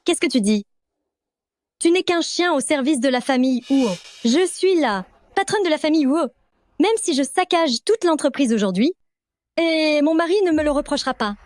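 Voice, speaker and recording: Lin Yinuo, a high sneering schemer. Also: female voice, animated, moderate pace, a little mellow, faint music behind. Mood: scornful. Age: young adult. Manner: contemptuous, shrill. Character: arrogant young woman, scheming fake boss's wife. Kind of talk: French drama dubbing.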